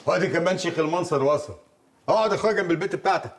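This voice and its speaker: A man's voice: fairly high pitch, rapid-fire, very noisy, close to an everyday voice. An actor playing an angry Egyptian businessman who mocks and threatens the people who cheated him. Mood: mocking. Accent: Egyptian Arabic. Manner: mocking, accusing, threatening. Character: angry, scornful man confronting cheats. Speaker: Hajj Saleh, a swindled businessman. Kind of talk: TV drama acting.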